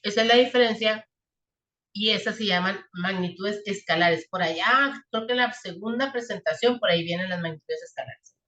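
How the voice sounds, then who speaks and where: A woman's voice: medium pitch, normal speed, a bit bright, lo-fi sound. A woman teacher, walking a class through equations and physics step by step and checking in often with short questions. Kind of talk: classroom math and physics lesson. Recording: echoey room.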